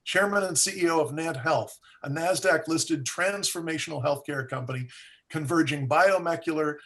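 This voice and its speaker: A man's voice: fairly high pitch, a bit bright. A man hosting an online forum, reading a formal introduction of the keynote speaker. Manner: formal, reads a list of titles.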